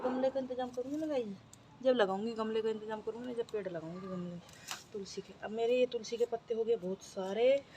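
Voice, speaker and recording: A woman's voice: a little high, a little mellow, slight background noise. A woman with a sore throat, chatting through a casual daily-life vlog on a rooftop. She repeats herself and keeps turning to her viewers. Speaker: vlogger. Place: rooftop, outdoors.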